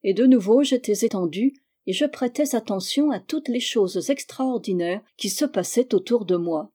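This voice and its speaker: Mellow-voiced woman reading a novel. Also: mid-range voice, expressive. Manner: measured, descriptive. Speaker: audiobook reader. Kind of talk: literary narration.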